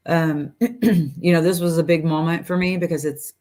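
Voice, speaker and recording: Speaking at normal speed in a deep voice, a guest in her forties tells her story over a video call from home. Her manner is casual and animated, with laughter between phrases and impressions of what her doctors said.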